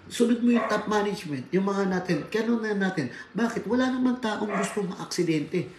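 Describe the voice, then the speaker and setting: A man's voice: high-pitched, expressive, normal speed. A man from the Philippines giving a workplace safety seminar lecture, switching between Tagalog and English and often adding tag questions like "right?". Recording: echoey room, faint background noise.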